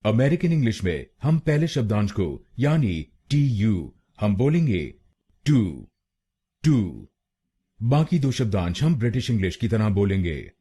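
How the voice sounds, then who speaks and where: Male Indian pronunciation tutor, lively pitch, drills words syllable by syllable. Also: slightly rough. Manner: slow, deliberate, repeating words syllable by syllable. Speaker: pronunciation teacher. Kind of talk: Hindi pronunciation lesson.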